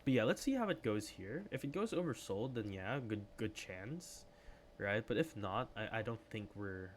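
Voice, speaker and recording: A man hosts a casual live trading stream with a fairly low voice. He talks through price levels loosely, then jumps up in pitch when he reacts to his chat. A faint hum sits behind him. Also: moderate pace. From Philippines. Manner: chatty, reacts to chat with excited bursts. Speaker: livestream trading host. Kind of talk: casual live chart analysis.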